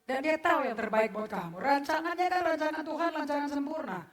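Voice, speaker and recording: Woman pastor, sermon, blunt scolding, slangy jokes, high voice, roomy church echo. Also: fairly quick, far from the mic. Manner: scolding, blunt and jokey, mixing formal and slang. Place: church service. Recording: echoey church hall.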